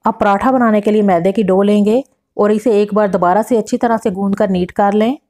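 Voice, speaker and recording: A woman narrates a home cooking recipe in a voice-over. She walks through each step in order and names exact quantities as she goes. Her pitch sits in a middle range. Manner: steady step-by-step instructions with measured quantities. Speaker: cooking channel host.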